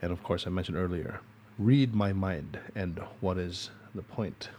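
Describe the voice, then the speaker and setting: A man with a Filipino accent hosting an interview podcast, giving a formal, measured introduction of his guest. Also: deep voice, darkish tone, slight background noise. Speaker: podcast host.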